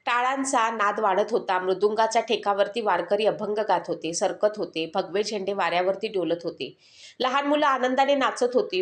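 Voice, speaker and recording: A woman narrating a devotional story in a measured, earnest scripted reading. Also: mid-range voice, roomy sound.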